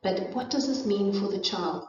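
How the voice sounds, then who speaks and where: Soft background music plays as a middle-aged woman with a South African accent presents a parenting and child development talk. Her voice is medium-pitched, a little mellow and moderately paced, and she speaks thoughtfully and informally, with frequent fillers and restarts. The recording is echoey, distant and dull, made in a room.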